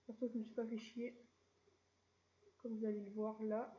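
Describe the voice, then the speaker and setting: A woman hosting a casual screen-recorded software tutorial, chatty and relaxed, with mild slang. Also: a little high, normal speed, lo-fi sound. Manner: chatty, relaxed, keeps saying "voilà" and drops mild slang. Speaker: tutorial channel host.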